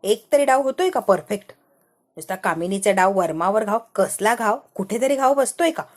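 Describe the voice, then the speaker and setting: A woman's voice: mid-range voice, animated, normal speed, lightly acted. A woman voicing a spoiled young woman who taunts and scolds her grandmother with heated mockery. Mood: scornful. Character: spoiled, sharp-tongued young woman, scornful.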